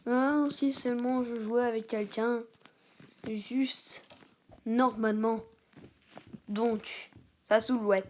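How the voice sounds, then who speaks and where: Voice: mid-range voice, steady tone, takes it slowly, pauses often, slight background noise. A young person giving casual, rambling gameplay commentary in an exasperated, self-conscious way. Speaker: gaming video creator, player. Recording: music behind the voice.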